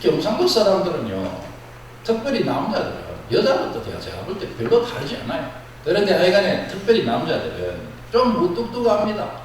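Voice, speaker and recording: A man preaching a sermon as a pastor with a Gyeongsang accent, plain-spoken and blunt, swinging between loud emphatic bursts and soft low asides. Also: wildly swooping pitch, fairly quick. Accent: Gyeongsang Korean. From Gyeongsang region, South Korea. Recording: very echoey hall, mic far off, faint noise.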